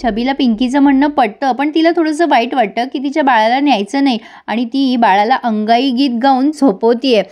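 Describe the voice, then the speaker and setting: A woman with a high voice recaps a TV serial episode. She talks straight to her viewers, moving between narration and the characters' lines. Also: a little fast, hardly any pauses, a little mellow. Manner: addresses viewers directly, switches between narration and dialogue. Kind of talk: retelling a TV serial episode, voicing all characters.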